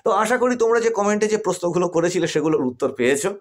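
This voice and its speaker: A man's voice: sits high, animated, very fast, no echo, clean studio sound. A man whose first language is Bengali, teaching English in an online class and explaining step by step. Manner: explains step by step, checks in with "right?".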